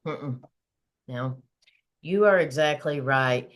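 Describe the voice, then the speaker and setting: A woman's voice: very deep voice, slow. A woman in her fifties hosting a motivational talk show, earnest and encouraging, often laughing as she talks. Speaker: podcast host.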